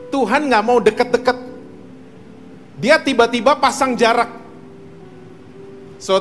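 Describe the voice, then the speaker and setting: Brief: male pastor, high voice, sermon, long church reverb. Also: a bit bright. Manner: mixes English words, asks the congregation questions. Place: church hall.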